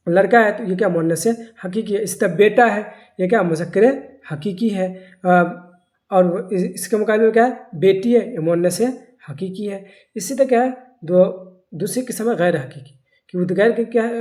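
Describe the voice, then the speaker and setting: A teacher explains a grammar lesson at a steady, medium pitch. The teacher keeps putting questions to the listeners and answering them right away, then says the key words again slowly so they stick. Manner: asks the class questions and answers them himself.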